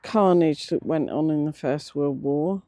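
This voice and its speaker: An older English vlogger speaks at an unhurried pace in a soft-edged, mellow tone. The words come out a little toothless and slurred, with hesitant, reflective pauses. The delivery is casual and unscripted, recorded outdoors yet dry and free of echo. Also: mid-range voice. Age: middle-aged or older. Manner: slightly slurred toothless speech, stumbles on words. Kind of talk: casual unscripted vlog narration. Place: outdoors, sitting in a cemetery beside a road.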